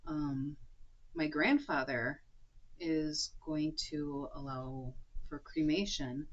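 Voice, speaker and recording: A woman's voice: sits low, steady tone, slow pace, dull audio. A woman co-hosting a podcast in casual chat, playful and joking. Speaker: podcast co-host.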